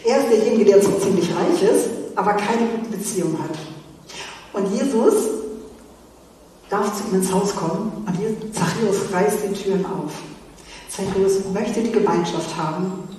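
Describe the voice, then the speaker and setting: Woman preacher, youth service, chatty and laughing, mid-pitched, miked from a distance in a roomy church hall. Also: moderate pace, dark tone, a little hiss or hum. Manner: chatty, laughing often, addresses the youngsters directly. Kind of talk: youth sermon. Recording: echoey church hall from far off.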